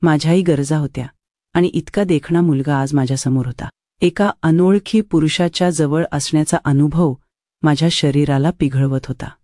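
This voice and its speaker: A woman telling a romantic story in the first person, with a steady, even storytelling delivery. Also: low voice, moderate pace, dry recording, clean studio sound.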